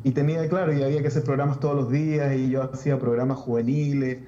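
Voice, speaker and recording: A Chilean man, a Lutheran pastor, talking reflectively in a casual interview with many restarts and pauses. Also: medium pitch, flat delivery, dark tone, echoey room, highs cut off, a little hiss or hum.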